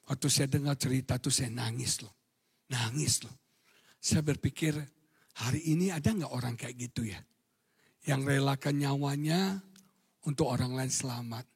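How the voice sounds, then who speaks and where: A male pastor preaching a sermon in an animated style, moving from quiet storytelling to shouted emphasis. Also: mid-range voice, breathy edge, long reverb tail.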